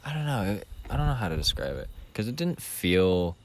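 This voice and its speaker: A man's voice: fairly low pitch, very animated, brisk. A young man co-hosting a podcast, rambling through a casual story with plenty of fillers. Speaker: podcast co-host. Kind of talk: casual chat. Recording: noisy home recording.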